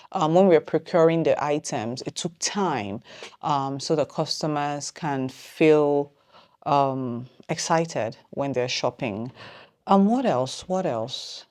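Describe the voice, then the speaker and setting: Woman w low voice vlogging about running her small business, rambly and chatty, says she's talking fast. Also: darkish tone. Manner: chatty, thinks aloud with frequent ums. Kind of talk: casual business-tips vlog.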